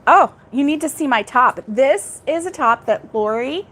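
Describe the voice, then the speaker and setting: A woman with a high-pitched, expressive, fairly bright voice hosts a casual crochet livestream from a back porch that is indoors and air conditioned. At a measured pace, she chats with a friend, greets viewers by name, and laughs often.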